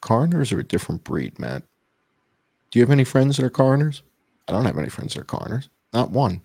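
A man on a video call, gravelly and emphatic. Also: medium pitch, sing-song, quick pace, mellow, dry recording. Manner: emphatic, repeats key points. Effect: heard over a video call. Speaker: guest presenting data. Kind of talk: explanatory interview talk.

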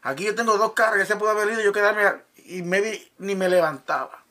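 A man's voice: sits high, fairly even intonation, fairly quick, sharp tone. A man giving an earnest church testimony, often restarting his sentences. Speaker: church member sharing testimony. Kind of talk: conversational testimony.

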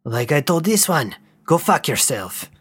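A man's voice: a little high, very animated, measured pace, fairly bright tone, slightly rough, no room sound, voice pushed up, exaggerated voice. A man voicing a defiant, foul-mouthed female space pirate who bites off each word. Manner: curt, spits out each word.

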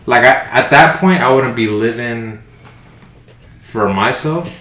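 A man's voice: mid-range voice, slow pace, a bit bright. Earnest young man, echoey room. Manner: earnest, insistent, repeats "look" to hold the floor. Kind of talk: casual podcast chat. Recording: echoey room with faint noise.

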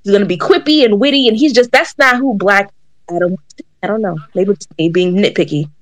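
Woman, casual talk, opinionated and chatty, mid pitch, dry sound. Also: brisk, no room sound. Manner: chatty and opinionated, apologizes for talking a lot. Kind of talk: casual group chat.

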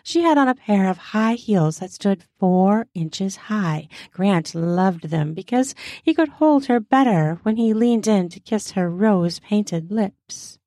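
A woman's voice: mid-range voice, lively intonation, unhurried, dark tone, no room sound, clean studio sound. A woman who hosts a podcast, chatting playfully to lead in and then reading an erotic story aloud steadily. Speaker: podcast host.

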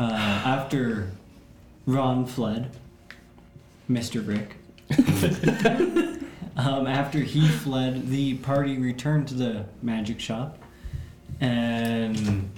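A man running a tabletop game as game master, recapping slowly with many pauses and fillers. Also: medium pitch, noisy background. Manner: slow, hesitant, with frequent fillers. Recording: echoey room.

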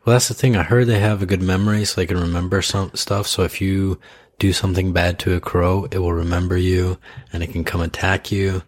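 A man's voice: low voice, flat delivery, a little fast. A man in casual conversation who tells stories in a loose, rambling way with many fillers. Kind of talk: casual chat.

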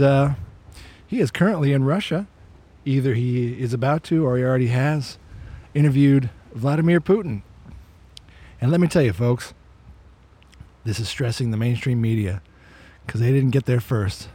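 A man's voice: medium pitch, moderate pace, long pauses, warm tone, husky. A man hosting a casual walk-and-talk podcast outdoors, talking in an opinionated, conversational way and often repeating words as he restarts. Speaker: podcast host.

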